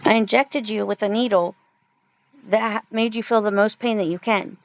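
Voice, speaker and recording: A young woman casually playing along in a role-play with a chatbot, deadpan and teasing. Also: mid-range voice, moderate pace.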